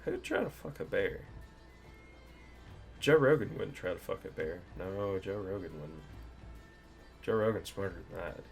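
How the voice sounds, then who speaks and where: A man with a lowish voice runs a casual comedic monologue. He is crude and self-amused, and he chuckles at his own gags in an offhand way. Faint music plays under him. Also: lively intonation, measured pace, gravelly, long pauses. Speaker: video host reciting limericks.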